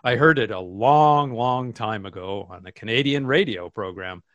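A man's voice: mid-range voice, normal speed, a bit bright, no room sound, muffled recording, close to an everyday voice. A man playing a vain, self-absorbed male radio host in a comedic radio sketch, with pompous, overly precise diction. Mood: self-satisfied.

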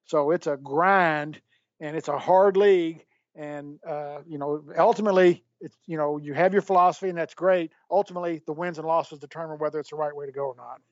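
Halting man on a muffled line. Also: a little high, fairly even intonation, no room sound. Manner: halting, repeats words, many fillers. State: hiccups. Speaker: guest, former sports executive. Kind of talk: candid phone interview.

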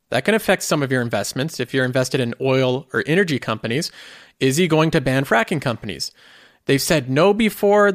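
A man's voice: fairly high pitch, dry recording, studio quality. A man hosting a finance video, explaining in scripted commentary and posing rhetorical questions.

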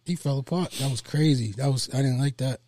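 Man, husky, slangy, animated fight recap, podcast co-host, dry sound. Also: mid-range voice, a little fast, no room sound. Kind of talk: casual boxing chat.

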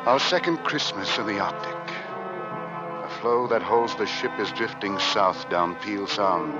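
A man playing a young sailor narrating gravely. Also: fairly low pitch, measured pace, muffled recording, over loud music, natural voice. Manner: earnest, grave storytelling narration. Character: young male sailor stranded on Arctic ice, steady and grave.

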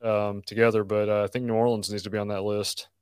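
A man's voice: fairly low pitch, level tone, quick pace, darkish tone, smooth, no room sound. A man hosting a podcast, chatting casually and announcing upcoming episodes. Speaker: podcast host. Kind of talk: casual chat.

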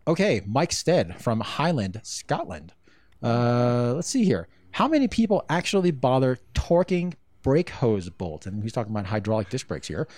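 A man's voice: mid-range voice, very animated, normal speed, a little mellow, no echo. A man hosting a podcast, reading listener questions aloud and chatting in an easygoing way with frequent fillers. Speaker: podcast host.

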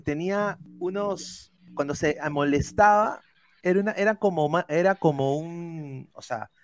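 A man's voice: on the high side, measured pace. A man, telling a personal story in casual chat, rambling with lots of restarts. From Peru. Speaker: panelist.

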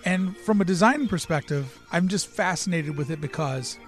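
A man with a slightly high voice hosts a talk show, moving between commentary and conversation. Music sits faintly behind his speech. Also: lively intonation, moderate pace. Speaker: show host. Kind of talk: scripted commentary and casual interview chat.

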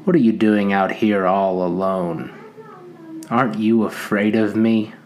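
A man voicing a menacing talking pig's head that mocks, coaxes and threatens, at a slow, measured pace. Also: fairly low pitch, fairly even intonation, a little mellow, a little hiss or hum, lightly acted. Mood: taunting. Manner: mocking, coaxing then threatening.

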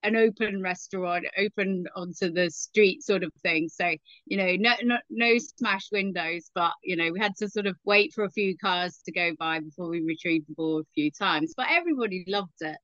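A woman, a guest in a casual interview, telling stories in a chatty, lively way. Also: lowish voice, normal speed, few pauses, no echo, dull audio. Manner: chatty, anecdotal, lively storyteller.

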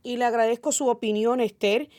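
A woman's voice: a little high, steady tone, brisk, darkish tone. A woman hosting a call-in political talk radio show, speaking in an opinionated, emphatic way with frequent "eh" fillers.

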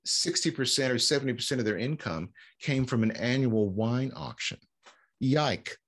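A man's voice: mid-range voice, fairly bright tone. A man speaking as a fundraising consultant in an interview, explaining with frequent fillers and restarts. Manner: halting, many fillers and restarts. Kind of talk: conversational interview answers.

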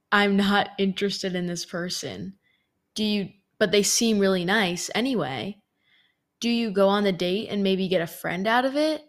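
A young woman in her twenties tells a story on her podcast. Her voice sits a little low, and she talks in a loose, chatty way full of filler words. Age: 20s. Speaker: podcast host. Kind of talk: casual storytelling monologue.

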